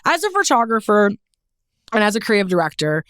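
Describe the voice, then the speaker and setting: A woman from Newfoundland, a fashion photographer, chatting as a guest in a studio and telling stories with lively energy, casual swearing and frequent laughs. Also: medium pitch, fairly quick, no room sound. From Newfoundland, Canada. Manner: animated storyteller, swears casually, laughs often. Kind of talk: casual podcast chat. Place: podcast studio.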